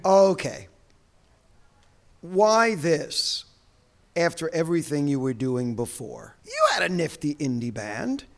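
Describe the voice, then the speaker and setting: A man's voice: a little high, lively intonation, takes it slowly, vocal fry, pauses often. A man interviewing a band, teasing and joking as he asks questions. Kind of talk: casual interview.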